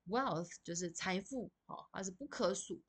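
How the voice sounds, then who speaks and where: A woman's voice: mid-range voice, slightly rough. Patient Taiwanese woman teaching vocabulary. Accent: Taiwanese Mandarin. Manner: explains patiently, reads example sentences slowly, frequent "oh" fillers. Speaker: English teacher. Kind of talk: recorded vocabulary lesson.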